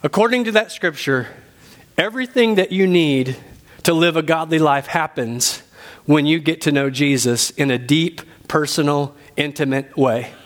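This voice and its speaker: A man's voice: a little high, normal speed. A man giving an earnest sermon as pastor, speaking at a pulpit microphone and repeating key phrases for emphasis. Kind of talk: sermon teaching.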